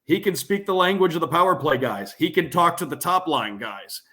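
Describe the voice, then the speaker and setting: Speaking at a moderate pace, this radio play-by-play announcer has a slightly high, sharp, animated voice. He is a podcast guest offering casual hockey analysis during an interview.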